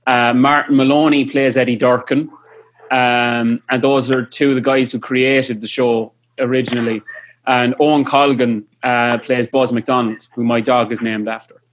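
A man's voice: mid-range voice, level tone, normal speed. Irish guy hosting a podcast, mid-range voice, chatty and jokey interviewer.

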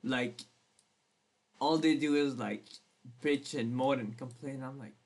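A man's voice: mid-range voice, slow. A young man co-hosting a casual podcast chat, playful and teasing, swearing often. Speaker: podcast co-host.

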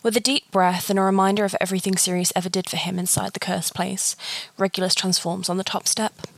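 A woman reading a fan fiction story aloud, steady and even. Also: mid-range voice, quick pace, gravelly, no room sound.

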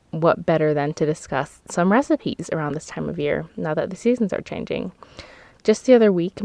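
A woman with a somewhat low voice chats through her podcast from inside a closet stuffed with clothes. The close mic and the padding leave the sound very dry and dead. She laughs easily and fixes her own slips as she goes. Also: a little mellow, no room sound. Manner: chatty, laughs often, corrects herself mid-sentence. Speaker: podcast host. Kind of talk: casual seasonal podcast chat. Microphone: close microphone.

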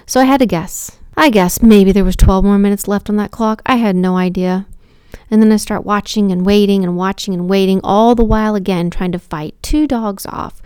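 A woman in her thirties or forties, a mother of four, telling a personal story in an animated, self-deprecating way and talking straight to the listener. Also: medium pitch, normal speed, clear, resonant tone, no echo.

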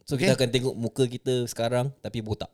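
Co-host: Singaporean man, average pitch, speedy informal banter. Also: flat delivery, racing. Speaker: podcast co-host. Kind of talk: casual chat.

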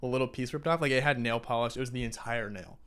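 A man's voice: medium pitch, fast talker, smooth. Young man telling stories, full of "like". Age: young adult. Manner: animated storyteller, lots of "like" fillers. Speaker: podcast co-host, college resident assistant. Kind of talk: casual chat.

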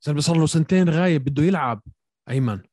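A male host with a Levantine Arabic accent and a somewhat high voice. He talks quickly in a casual sports debate and drops English words into his Arabic. The sound is dry and close. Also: dark tone, no echo. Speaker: podcast host reading viewer questions.

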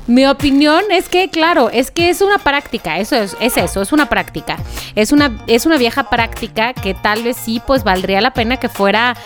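A woman's voice: a little high, normal speed, faint music behind. A woman, co-hosting a podcast in casual chat, stating her opinions emphatically and playfully. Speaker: podcast co-host.

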